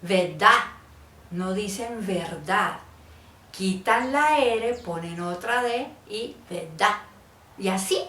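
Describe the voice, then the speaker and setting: A woman's voice: medium pitch, lively intonation, takes it slowly, fairly bright tone, recorded from a distance. A woman from Colombia with a Cali accent, teaching a lesson in a chatty way and checking in with her listeners. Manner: chatty, asks "¿sí?" to check understanding. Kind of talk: explanatory lesson. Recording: roomy, off-mic, faint ambience.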